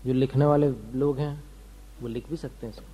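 A man lectures on religious doctrine in a warm, mellow voice. He poses a question to his class and then answers it himself, going through terms one by one so students can write them down. His pitch sits in an ordinary middle range. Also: fairly even intonation, brisk, slight background noise, rough recording. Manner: asks and answers his own questions, lists terms methodically. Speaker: religious teacher.

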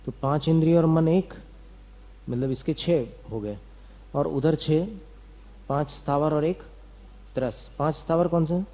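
A man's voice: a little high, a little slow, pauses often, dark tone, low-quality recording. A man giving a doctrinal lecture to students, asking and answering his own questions and listing terms one by one. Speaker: religious teacher.

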